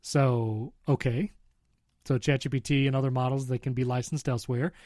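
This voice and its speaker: A man's voice: medium pitch, fairly even intonation, moderate pace, darkish tone, no echo, studio quality. A man co-hosting a casual tech talk show, chatting and laughing often as he reads out the news. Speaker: podcast co-host.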